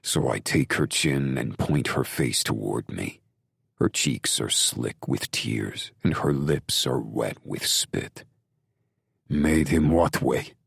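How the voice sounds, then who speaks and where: A man narrates a gothic audiobook in the first person with a brooding, intense delivery. His voice is extremely deep and gravelly with a husky edge, and he takes his time. The recording is dry and close. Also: slow pace, a bit bright, dry recording.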